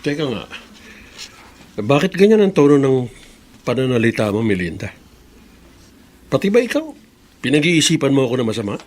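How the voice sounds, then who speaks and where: An actor playing a defensive husband and meat seller who denies accusations, in a radio drama. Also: male voice, medium pitch, sing-song, normal speed, pauses often, darkish tone. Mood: indignant. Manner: indignant, defensive. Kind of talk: Filipino radio drama acting.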